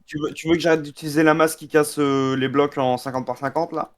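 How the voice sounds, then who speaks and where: A young man playing alongside a friend, chatting calmly with dry, mock-formal asides. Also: on the high side, fairly quick. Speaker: co-player. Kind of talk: casual gameplay chat.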